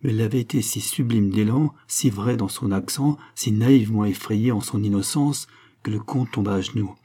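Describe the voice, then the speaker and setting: A man narrating a classic novel as an audiobook in a measured, dramatic manner. His voice is low and mellow, with a husky grain. He shapes long sentences with care. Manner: measured, dramatic literary reading.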